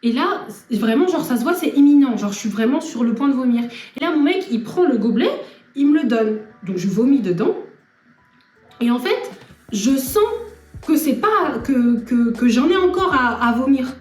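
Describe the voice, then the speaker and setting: A young woman vlogger telling a personal story in an animated, laughing way. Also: high-pitched, moderate pace. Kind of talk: storytelling vlog. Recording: echoey room from far off, faint music.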